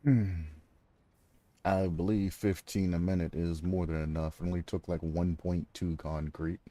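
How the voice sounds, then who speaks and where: A man talking through his gameplay on a live stream, thinking aloud and throwing sarcastic asides at chat, clearing his throat now and then. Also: low voice, flat delivery, unhurried, dark tone, no echo. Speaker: game streamer. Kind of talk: casual gameplay commentary.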